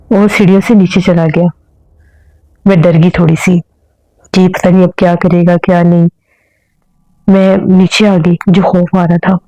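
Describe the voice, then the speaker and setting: A woman's voice: lowish voice, dark tone, no echo, low-quality recording. A woman telling a first-person horror story in an earnest storytelling manner.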